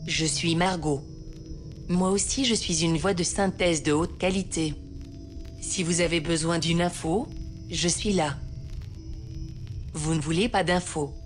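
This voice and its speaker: A woman voicing a female synthetic assistant who talks in a soft, flat way and shrugs off every refusal. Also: on the low side, unhurried, long pauses, faint music behind, lightly acted. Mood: deadpan. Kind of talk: comedy sketch.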